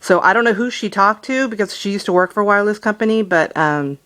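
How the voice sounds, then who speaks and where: A woman's voice: mid-range voice, quick pace, a bit bright. A middle-aged woman, a customer on a phone call, explaining in a conversational, persistent way. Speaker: customer calling about a bill.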